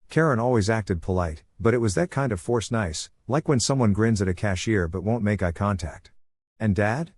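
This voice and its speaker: A man narrating a first-person story in a steady, even way with dry asides. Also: lowish voice, dry recording.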